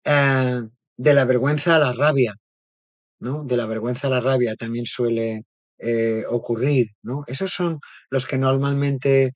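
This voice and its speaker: A man being interviewed as a therapist, unhurried and reflective, who keeps checking in with his listener as he explains. His voice sits at an ordinary middle pitch, recorded close and dry with no room sound. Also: steady tone, dry recording. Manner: thoughtful, explains slowly with frequent tag questions.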